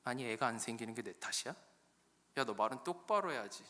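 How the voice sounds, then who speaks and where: Man voicing a bossy irritable husband, barking and belittling, bright forceful voice, long hall echo, sermon role-play. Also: mid-range voice, animated, slow. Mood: indignant.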